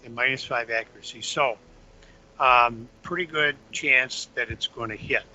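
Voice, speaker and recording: A man's voice: medium pitch, moderate pace, pushed and bright. A man casually walking his younger brother through game strategy, explaining step by step while chewing candy. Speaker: older brother giving game tips. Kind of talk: casual gaming walkthrough chat. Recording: dull lo-fi sound with faint music.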